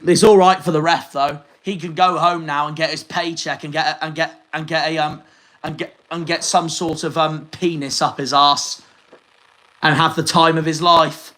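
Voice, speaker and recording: Sharp-toned and a little high, his delivery flat and his speed normal, a young football fan from around Plymouth, England, rants and swears after the match. The audio is poor.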